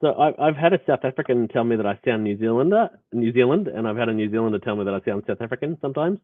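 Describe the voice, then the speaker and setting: An animated Australian developer speaks fast in a medium-pitched voice while explaining code live, rambling with lots of fillers and restarts. The sound has no echo and comes through a tinny, phone-like line.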